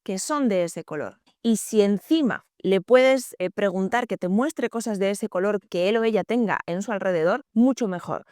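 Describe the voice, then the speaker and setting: A young adult woman, a Spanish teacher, explaining calmly and clearly to camera, stressing key words. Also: mid-range voice, moderate pace, hardly any pauses, no room sound, studio quality. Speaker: Spanish teacher, channel host.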